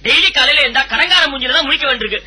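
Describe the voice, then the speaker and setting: A man playing a broke music teacher and squabbling husband, full of quick punning comebacks, in a comedy audio drama. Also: very high-pitched, lively intonation, bright, forceful tone, exaggerated voice, poor audio. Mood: bickering.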